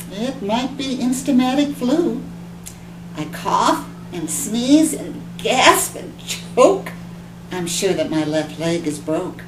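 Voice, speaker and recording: A woman voicing a little girl who dramatically lists made-up illnesses in a whining voice. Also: medium pitch. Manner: dramatic complaining, sometimes near whisper. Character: whiny little girl faking sickness. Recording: echoey room with background hum.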